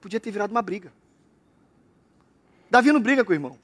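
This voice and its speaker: A man from Brazil preaching a lively sermon, acting out the voices in the story. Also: sits high, quick pace. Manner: animated, acts out characters in quotes. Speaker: pastor. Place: church abroad.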